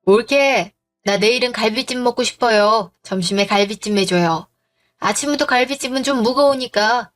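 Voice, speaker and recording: A woman's voice: a little high, moderate pace, faint music behind, natural voice. A woman voicing a spoiled young sister-in-law who whines and orders food. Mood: demanding. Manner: whiny, demanding.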